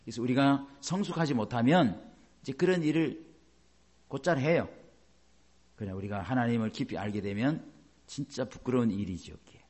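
A middle-aged man preaching a sermon as a pastor, animated, with many rhetorical questions. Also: medium pitch, normal speed, pauses often.

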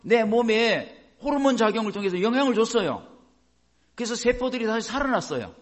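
A man's voice: very high voice, big pitch swings, a little fast. A male pastor giving a sermon, often asking the congregation rhetorical questions and acting out short dialogues in different voices. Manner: acts out little dialogues in changing voices.

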